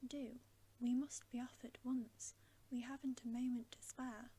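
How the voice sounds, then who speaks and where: A woman's voice: on the high side, level tone, unhurried, warm tone, husky. A woman voicing an earnest, cautious male talking beaver in an emphatic whisper for a storybook. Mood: urgent, stern.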